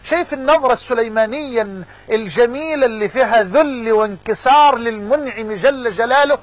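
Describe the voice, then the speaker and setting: High husky Egyptian preacher. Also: male voice, brisk, no echo, low-quality recording. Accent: Egyptian Arabic. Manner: fervent, repeats phrases for emphasis. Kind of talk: sermon.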